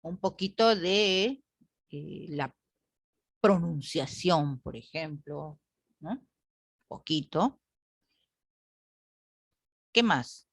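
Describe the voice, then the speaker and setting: A woman's voice: low-pitched, animated, drawn-out words, gravelly, long pauses, slightly rough, no echo, studio quality. A woman teacher lecturing a class online, asking the group rhetorical questions and often adding "¿no?".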